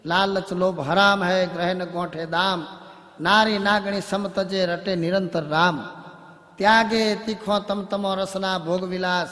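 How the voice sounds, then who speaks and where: High-voiced man telling devotional stories. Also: measured pace, long reverb tail. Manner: lively joke-telling, chuckling through the stories. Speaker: devotional storyteller. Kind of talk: humorous religious storytelling.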